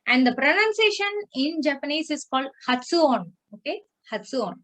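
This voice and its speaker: A woman's voice: high voice, very animated, normal speed, fairly bright tone. A woman teaching a beginner language class over a video call, patiently explaining and checking in with her students. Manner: patient, repeats and checks with "okay?". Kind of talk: online class instruction.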